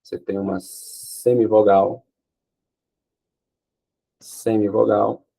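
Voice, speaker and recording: A man's voice: medium pitch, normal speed, darkish tone, breathy edge. A man teaching Portuguese grammar for an exam, explaining step by step, asking questions and answering them himself, often checking with "ok?". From Brazil. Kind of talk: exam-prep grammar lesson.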